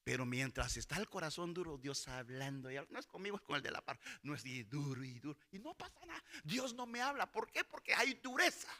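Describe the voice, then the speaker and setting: A man's voice: a little high, sing-song, a little fast, hardly any pauses, bright, forceful tone. A middle-aged male pastor preaching a sermon in a church hall, calling out to the congregation and acting out voices from Bible stories. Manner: preaching with call-and-response to the congregation.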